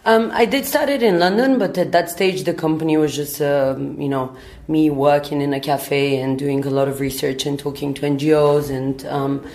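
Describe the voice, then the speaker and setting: Low-voiced woman founder from Bulgaria. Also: steady tone, normal speed, darkish tone. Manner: thoughtful, frequent ums and uhs. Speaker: startup founder, guest. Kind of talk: interview answers.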